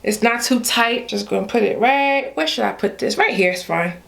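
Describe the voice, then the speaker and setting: Chatty and playful, a young adult Haitian beauty vlogger speaks to viewers as "y'all" during a laid-back hair video, her Haitian accent clear. Her voice is on the high side, creaky and fairly bright, delivered at normal speed.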